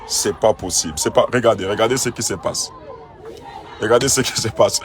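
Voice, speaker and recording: A man's voice: lowish voice, moderate pace, a little hiss or hum. A man, a pastor talking outside his church among a crowd, exclaiming and repeating himself in disbelief. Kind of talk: phone video to followers, then addressing a crowd.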